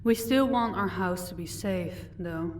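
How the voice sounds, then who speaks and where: Slowly and with light acting, a woman with a lowish voice plays a powerful vampire lady, the married mistress of an estate, speaking to the listener in an audio roleplay. She is scornful and taunting, commanding and condescending while staying composed. A distant microphone picks her up over faint background noise.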